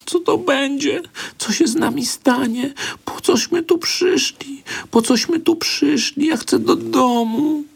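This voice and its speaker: A man voicing a frightened little girl who pleads tearfully in a high, trembling, whispery voice. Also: slow, creaky, heavily acted. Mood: sobbing.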